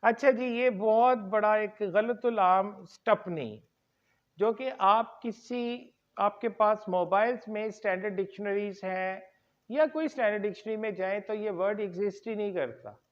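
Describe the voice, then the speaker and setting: A man's voice: high voice, highs cut off. A man teaching English pronunciation in a classroom lecture, repeating each word and putting questions to his learners. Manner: explains slowly, repeats words, asks the class questions.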